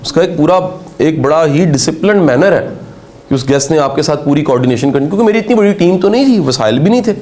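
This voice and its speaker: A man's voice: a little high, animated, darkish tone. A middle-aged man, giving a motivational talk emphatic delivery and rhetorical questions to his listeners. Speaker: motivational speaker.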